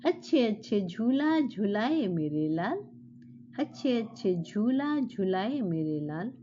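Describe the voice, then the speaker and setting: A woman voicing a mischievous little female sparrow who chants slow teasing songs. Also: mid-range voice, very animated, dark tone, dull audio, a little hiss or hum. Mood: taunting sing-song. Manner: slow sing-song chanting.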